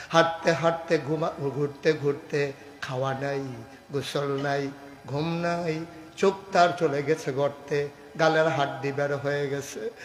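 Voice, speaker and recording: A man from Bangladesh preaching an impassioned waz sermon, swinging from low storytelling into loud, chanting, tearful cries. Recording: echoey hall, often from far off.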